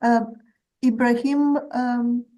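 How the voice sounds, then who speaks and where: Woman moderating a panel, a bit high, brisk, calls on people. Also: fairly even intonation, dark tone.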